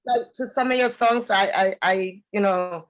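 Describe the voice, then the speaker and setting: A woman co-hosting a casual talk show, asking halting, hesitant questions. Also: medium pitch, crowd noise. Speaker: co-host.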